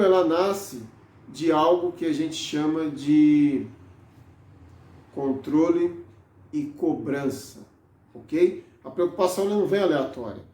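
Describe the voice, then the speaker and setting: A man's voice: on the high side, dark tone. A man, a therapist talking casually to camera, explaining step by step with frequent tag questions. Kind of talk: educational talk to camera. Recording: echoey room.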